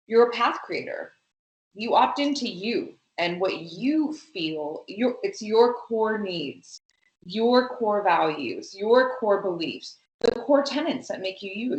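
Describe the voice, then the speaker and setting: Emphatic woman guest, echoey room. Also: medium pitch. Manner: animated, emphatic, many fillers. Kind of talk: conversational interview.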